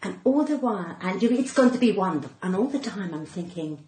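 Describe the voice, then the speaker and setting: A middle-aged woman with a cut-glass British accent, a comedian appearing as a podcast guest, tells stories theatrically and conversationally, acting out the dialogue. Her medium-pitched voice is expressive, a little fast, and darkish in tone. The recording has roomy echo and faint background noise.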